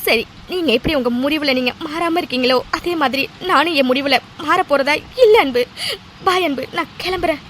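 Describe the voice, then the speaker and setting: A lovesick young female doctor, voiced by a woman in a cartoon serial, with a very high voice. She pleads tearfully and keeps saying his name. Faint noise sits behind her. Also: brisk, fairly bright tone. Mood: resolute.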